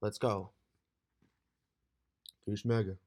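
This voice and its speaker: Hoarse rambling man in his twenties. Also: on the low side, flat delivery, drawn-out words, a little mellow. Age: 20s. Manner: loose and meandering, saying "dude" constantly. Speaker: vlogger. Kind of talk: rambling casual vlog.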